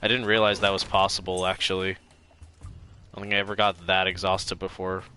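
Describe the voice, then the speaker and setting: Stuffy-nosed man with a bright, lowish voice. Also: little pitch movement, normal speed, faint music behind. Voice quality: stuffy, congested nose. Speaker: gamer commentating on own play. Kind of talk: casual gameplay commentary.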